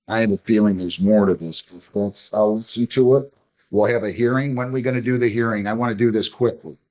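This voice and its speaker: A man's voice: on the low side, brisk, lo-fi sound. A man presiding as a judge in a courtroom hearing, stern and exasperated as he lectures counsel.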